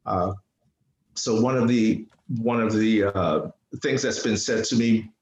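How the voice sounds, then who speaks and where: Slow and fairly low, with a darkish tone, this older man's voice comes through lo-fi, echoing interview audio. He's an artist from New York City guesting on a podcast, relating personal stories casually and animatedly and repeating phrases for emphasis.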